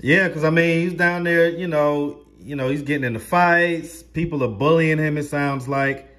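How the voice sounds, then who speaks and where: A man's voice: on the high side, normal speed, a bit bright. A man of thirty-nine with a Southern US accent, running a casual street interview with chatty questions and easy laughter. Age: 30s.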